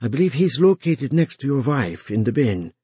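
A man's voice: medium pitch, very animated, normal speed, dark tone, breathy edge, dry recording, pitched above the performer's own voice. A man voicing a stilted, formal mortuary owner who explains things in a placating manner. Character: stilted male mortuary owner, smooth, bureaucratic.

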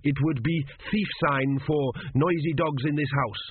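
A man's voice: on the high side, unhurried, breathy edge, no room sound, voice pushed up. A man voicing a nervous young male student assassin who answers formally and keeps saying sir. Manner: formal, says sir constantly, anxious. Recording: tinny phone-like sound.

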